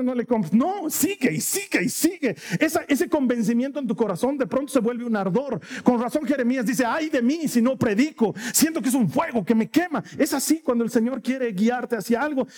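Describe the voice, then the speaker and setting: A man preaching a sermon, telling stories and acting out the dialogue in an animated way. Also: very high-pitched. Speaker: pastor. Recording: long hall reverb.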